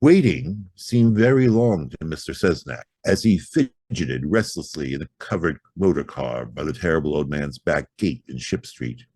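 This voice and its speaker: Reading a horror audiobook aloud, a low-voiced male narrator performs with theatrical expressiveness, and there's no echo.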